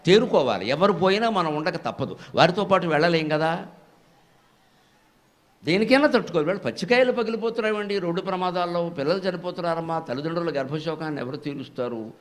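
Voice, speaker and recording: An older man giving a devotional discourse, telling stories with lively acted-out dialogue and bursting into slow, sung verse recitation. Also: fairly high pitch. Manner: animated storytelling with acted-out dialogue. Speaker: Telugu discourse speaker.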